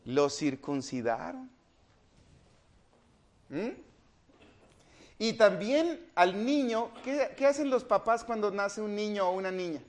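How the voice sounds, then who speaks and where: A man preaching an interactive Bible study, quizzing the congregation and swinging from emphatic lines to hushed ones. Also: high-pitched, big pitch swings, slow, pauses often. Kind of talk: interactive sermon.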